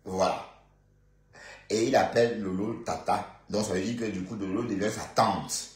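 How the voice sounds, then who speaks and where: A man's voice: on the low side, fairly even intonation, moderate pace, reverberant. A man from Bandundu with a Congolese French accent, rambling through casual live-stream gossip, full of fillers and asides to his viewers.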